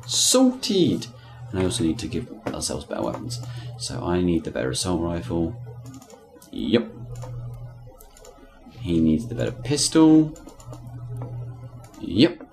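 A man giving casual, sweary, joking commentary while he plays a video game. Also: rumbling low. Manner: sweary, joking running commentary with sudden silly voices. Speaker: gamer playing and commenting. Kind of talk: casual let's-play commentary. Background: game music.

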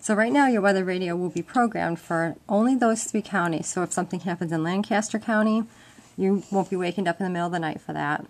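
Talking fast in a voice on the low side, a woman leads a casual demonstration, explaining each step informally as an instructor. She's indoors at home by a wooden table. The handheld camera microphone yields noisy home-video audio with clicks.

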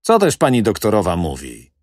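Guy voicing a cocky loud-mouthed manager in an audiobook, pushy and wheedling, voice pitched up. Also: huge pitch swings, moderate pace, dry recording, studio quality. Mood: boastful. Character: brash, boastful middle-aged male building manager.

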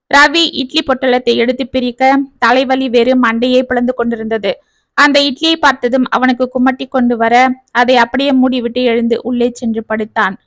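A woman narrates a family story in a steady, measured way. Her voice sits high, and the recording is dry and close. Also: dry recording.

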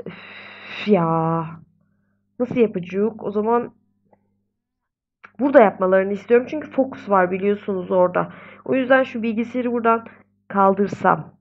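A young woman talks her way through a life-simulation game in a casual, chatty voice. She is often exasperated and coos at the babies. Her mid-pitched voice comes through a slightly dull, lo-fi home mic. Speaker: gaming video host. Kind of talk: casual gameplay commentary.

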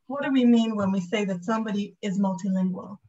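Speaking quickly in a warm, medium-pitched voice, a woman with a British accent delivers an academic lecture via video call. She is a guest lecturer from the United Kingdom who works as a speech and language pathologist, and the call audio is a little dull.

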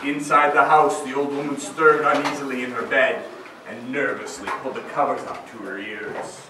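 A man's voice: mid-range voice, level tone, normal speed. A man telling ghost stories at a Halloween party, with a dramatic, suspenseful delivery. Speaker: storyteller. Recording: echoey room from far off, noisy.

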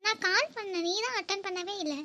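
Cartoon lead: a woman voicing an earnest young woman in love, very high and squeaky, fast-talking and emotional. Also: bright, forceful tone, heavily acted. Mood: defensive. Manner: emotional, pleading. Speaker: narrator and lead character. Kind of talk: cartoon voice acting.

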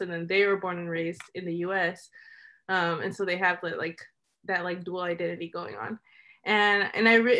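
On a video call from a small room in her home, a young American documentary filmmaker talks loosely about what she does, sprinkling in "like" and little chuckles. Her voice is medium-pitched and a bit bright, picked up by her computer's microphone.

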